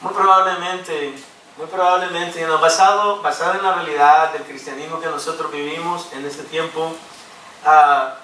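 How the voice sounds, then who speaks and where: A male pastor with a fairly high, pushed and bright voice preaches a sermon at moderate pace with fairly even intonation. Jokey in manner, he drops English fillers into his teaching. The church hall recording is roomy and distant, with a little hiss or hum.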